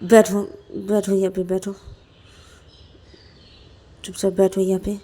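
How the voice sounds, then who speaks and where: A woman's voice: mid-range voice, monotone, slow pace, dark tone. A woman voicing a stubborn, upset young woman who scolds and repeats her words. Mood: scolding.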